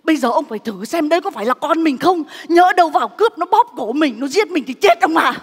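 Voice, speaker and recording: An actress playing a loud, excitable middle-aged village mother in a comedy sketch. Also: quick pace. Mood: worried. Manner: shrill, wails and shouts in excitement. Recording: stage with long hall reverb.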